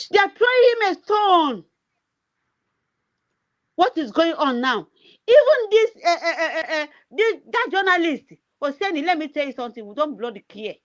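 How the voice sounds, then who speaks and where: The speaker's voice is extremely high and a little bright, captured with lo-fi sound. She is an activist livestreamer with a Nigerian accent and English as a second language, ranting fervently about politics, repeating herself emphatically and filling gaps with "eh."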